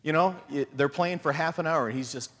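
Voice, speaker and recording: A middle-aged man preaching a sermon in a lively, conversational way, acting out the voices he quotes. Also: on the high side, brisk. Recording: long hall reverb.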